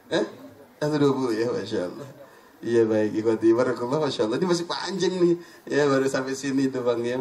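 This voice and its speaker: Animated preacher, distant mic. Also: male voice. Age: middle-aged. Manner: animated, jumps between high exclaims and low asides, acts out dialogue. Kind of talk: lively Islamic sermon with storytelling. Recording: distant mic in a hall with faint room noise.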